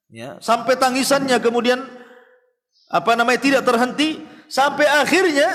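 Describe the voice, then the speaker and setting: A male preacher telling a story in a sermon and acting out its voices. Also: very high-pitched. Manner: animated, acts out voices of the story. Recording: long reverb of a hall.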